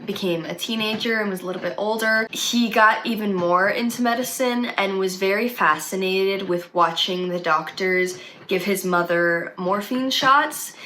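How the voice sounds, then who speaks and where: A young woman with a slight cold, sniffling a little, tells a true crime story for her channel against slight background noise. Her mid-range voice is bright and forceful, and her telling is chatty and full of fillers.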